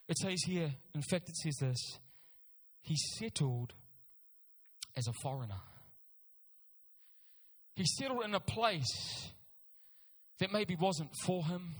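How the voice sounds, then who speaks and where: In a reverberant hall, this middle-aged Auckland preacher with a New Zealand accent tells personal stories in his sermon, using informal asides and emphatic repetition. The voice is fairly high and fairly bright.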